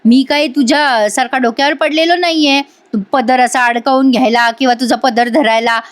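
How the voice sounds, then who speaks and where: A woman voicing an irritable young man who grumbles sarcastically, in her own high voice. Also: fairly even intonation, normal speed, lightly acted.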